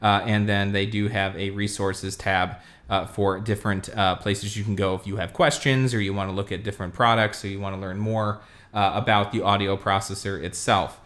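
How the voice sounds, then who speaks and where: A man's voice: on the low side, normal speed. Laid-back man reviewing tech gear. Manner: relaxed, lots of fillers, talks while demonstrating. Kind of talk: casual product review walkthrough.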